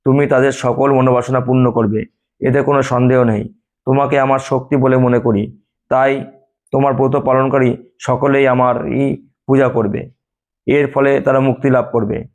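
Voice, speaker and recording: A man voicing the god Vishnu, a majestic male deity granting boons, in a solemn, measured storytelling read. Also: medium pitch, level tone, a little mellow, close to an everyday voice.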